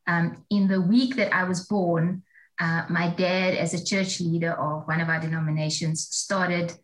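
A woman's voice: on the low side, level tone, unhurried, poor audio. A woman in her forties, a theology professor talking as a guest, chatty and reflective, laughing at herself. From South Africa. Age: 40s. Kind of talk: casual interview storytelling.

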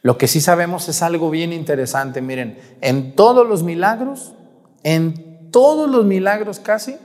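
A man preaching a sermon, retelling a Gospel story in a lively way and putting questions to his listeners. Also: on the high side. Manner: storytelling, animated, asks the audience questions. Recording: long hall reverb.

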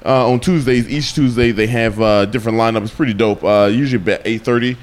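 A man's voice: mid-range voice, fairly even intonation, brisk. A man co-hosting a podcast in casual, slangy chat. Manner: slangy, informal phrasing. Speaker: podcast co-host.

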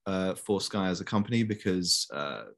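Young male guest, low voice, rambling easy chat, video call. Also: normal speed, fairly bright tone. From Belgium. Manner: chatty, many fillers. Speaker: interview guest. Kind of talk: casual conversation.

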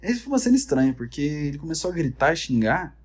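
A man's voice: on the high side, very animated, fast talker. A man with a Brazilian Portuguese accent rambling through comedic, profane reality-show commentary. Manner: rambling, profane, jokey storytelling. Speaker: vlogger.

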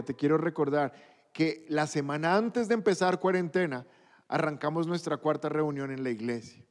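Emphatic pastor, high voice. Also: male voice, big-room sound. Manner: emphatic, builds to loud bursts. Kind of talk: sermon.

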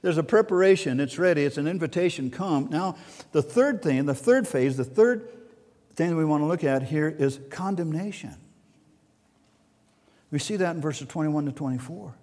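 High-voiced man preaching in a reverberant hall. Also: expressive, normal speed. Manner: dynamic preaching, swinging from soft to loud, with repetition. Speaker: pastor. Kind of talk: sermon.

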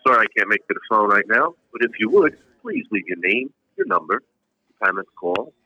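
Man's outgoing answering machine message, husky and dull through a phone speaker, polite and rehearsed. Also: on the low side, very animated, fast, sharp tone, no echo. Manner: polite, scripted voicemail greeting. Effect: recorded answering machine greeting played over a phone.

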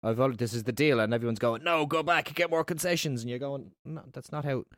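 Fast-talking sweary man. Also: mid-range voice, fairly bright tone, no room sound, studio quality. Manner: swearing, ranting, sarcastic. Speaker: podcast co-host. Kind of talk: casual political chat.

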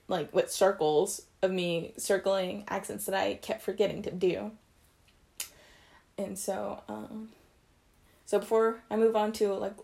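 Medium-pitched, creaky, and darkish, the voice belongs to a young trumpeter leading a casual video on articulation basics. Her manner is chatty and self-correcting, with loosely framed explanations.

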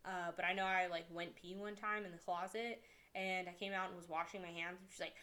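A woman's voice: on the low side, steady tone, a little fast, pushed and bright. A woman chatting casually with a friend, blunt and swearing, often laughing. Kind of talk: casual chat.

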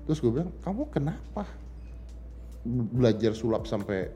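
A man's voice: medium pitch, sing-song, moderate pace, mellow, soft background music. A man, a father, telling an emotional story in casual chat and acting out the dialogue with quotes in English. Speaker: podcast guest, father of a teenager. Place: podcast studio.

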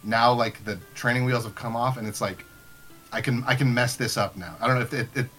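A man's voice: medium pitch, fairly even intonation, a little fast, fairly bright tone, faint music behind. A young man hosting a podcast as game master, talking casually and rambling with many restarts and fillers. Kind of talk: casual chat.

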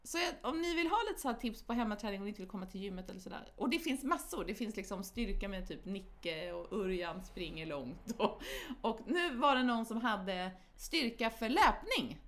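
Chatty, lively woman who laughs often. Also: mid-range voice, hardly any pauses. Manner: chatty, laughs often, trails off mid-sentence. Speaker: podcast co-host. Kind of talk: casual chat.

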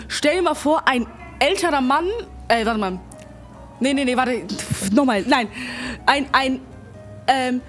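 A young woman with a fairly high voice co-hosts a podcast. She talks casually and in slang, with a little music in the background. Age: young adult. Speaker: podcast co-host.

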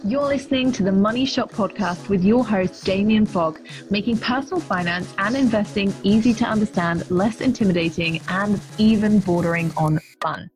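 A woman's voice: mid-range voice, normal speed, few pauses. A woman reading a polished, upbeat podcast intro announcement. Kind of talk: scripted announcement over music. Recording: music bed behind voice.

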